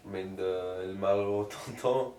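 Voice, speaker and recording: A man in a casual interview, rambling loosely and profanely as if drunk, with a gravelly voice. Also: low-pitched, steady tone, moderate pace, a little mellow. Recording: roomy, distant mic, faint noise.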